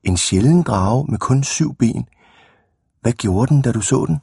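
A man's voice: mid-range voice, lively intonation, gravelly, mellow, breathy edge, no room sound, clean studio sound. A man reading a storybook aloud, voicing a timid chubby schoolboy who speaks in a hesitant, wondering way.

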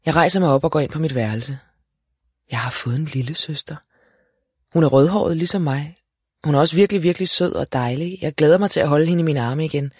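A man narrating a first-person storybook in a lively, wry way. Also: on the high side, husky, no echo, clean studio sound. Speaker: audiobook narrator.

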